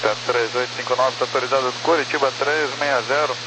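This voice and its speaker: A man's voice: medium pitch, steady tone, a little fast. A man speaking clipped aviation phraseology over a crackly radio. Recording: very noisy, crackly radio transmission.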